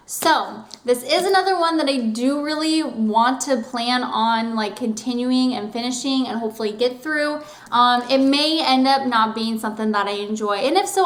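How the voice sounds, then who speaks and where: A young woman talks to her viewers in a relaxed, rambling way, sprinkling in "like" as she goes. Her voice sits high. The room around her rings with a noticeable echo. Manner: chatty and rambling, heavy use of "like". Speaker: book vlogger. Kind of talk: casual chat to camera. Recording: roomy echo.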